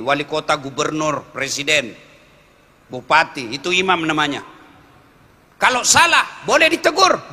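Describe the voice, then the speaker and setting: Bright-voiced preacher in a hall. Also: male voice. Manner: animated, swings from low asides to loud exclamations. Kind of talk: humorous sermon. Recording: reverberant hall.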